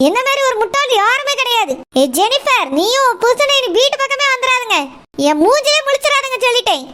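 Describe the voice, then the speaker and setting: A woman's voice: extremely high pitch, lively intonation, fairly quick, sharp tone, full character voice. A woman voicing an angry middle-aged mother in a cartoon, ranting and scolding harshly. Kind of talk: cartoon voice acting.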